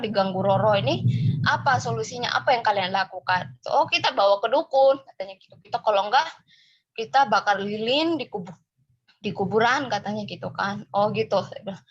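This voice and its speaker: Young woman caller from Sumba, mid-pitched, casual story, muffled lo-fi call audio. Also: fairly quick, slightly rough. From Sumba, Indonesia. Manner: storytelling with many fillers. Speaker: caller sharing a testimony. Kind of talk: casual spoken testimony.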